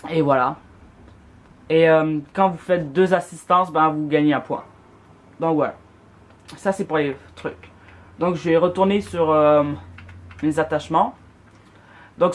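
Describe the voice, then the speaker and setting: A gamer giving a casual, unscripted walkthrough, speaking informally to viewers in a hesitant, self-correcting way. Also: medium pitch. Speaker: video game player presenting loadouts.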